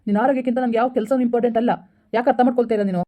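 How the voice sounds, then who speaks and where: This is a protective young husband in a village skit who keeps insisting that his wife stay home, as a woman acts him out. His voice sits high and quick but stays mellow. He speaks rural Karnataka Kannada. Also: fairly even intonation, close to an everyday voice. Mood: insistent. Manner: pleading then insistent, calls her baby.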